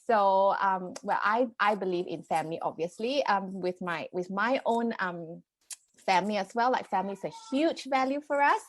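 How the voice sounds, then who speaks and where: A woman's voice: mid-range voice, moderate pace. A woman in her thirties from Singapore, a parenting coach earnestly explaining her ideas as a podcast guest. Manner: earnest, many fillers and restarts. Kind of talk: conversational podcast interview.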